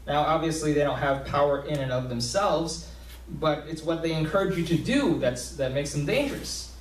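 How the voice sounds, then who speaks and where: A man's voice: on the high side, darkish tone, slight background noise. A young man preaching a sermon in a small church hall, talking conversationally with many fillers and restarts. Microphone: podium mic, filmed from a far camera. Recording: roomy hall sound from far off.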